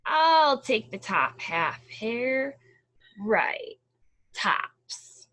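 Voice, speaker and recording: A lazy storybook bear, played by a woman, drowsy and slow to make up his mind. His words come out drawn-out and sleepy, in a fairly high voice. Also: very animated, fairly bright tone, full character voice.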